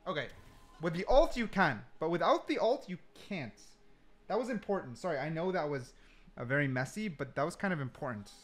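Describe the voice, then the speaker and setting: With music playing behind him, this gaming creator speaks a bit fast in an expressive, somewhat high voice. He riffs on the gameplay off the cuff, reasoning out loud and casually fixing his own slips.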